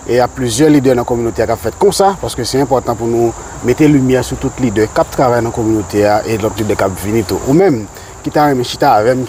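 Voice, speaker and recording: A man with a Haitian Creole accent hosts a casual interview, upbeat and promotional. His voice sits at an ordinary middle pitch. Faint crickets and outdoor noise sound behind him. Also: dark tone. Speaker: interview host.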